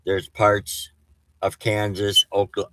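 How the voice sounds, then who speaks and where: A man with a whistle on his S sounds gives casual, halting weather commentary as a storm chaser, thinking aloud as he reads. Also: on the low side, fairly bright tone, no room sound. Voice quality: whistling S sounds from false teeth.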